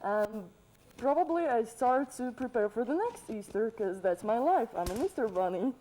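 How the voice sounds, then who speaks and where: A woman playing a cheerful, cheeky Easter Bunny in a student TV sketch interview, relaxed and plain-spoken with hesitant fillers. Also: fairly high pitch, normal speed, lightly acted, low-quality recording. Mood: casual. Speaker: interview guest.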